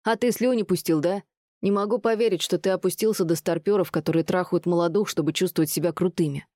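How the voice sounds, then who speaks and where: A woman voicing an enraged young adult son who shouts with contempt. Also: fairly low pitch, fairly even intonation, fast, dry recording, studio quality, lightly acted.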